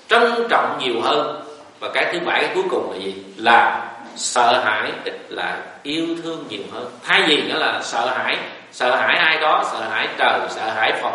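Buddhist teacher, male, bright voice, folksy sermon, far-off echoey room recording. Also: medium pitch. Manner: folksy, joking, rising and falling emphasis. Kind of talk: dharma talk. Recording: echoey room, voice from a distance, faint hiss.

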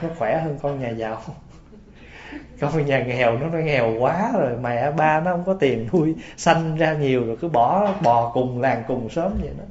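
With a darkish, mid-range voice, a Buddhist preacher gives a folksy sermon full of stories, frequently asking the audience questions. The audio is lo-fi, dull, and roomy.

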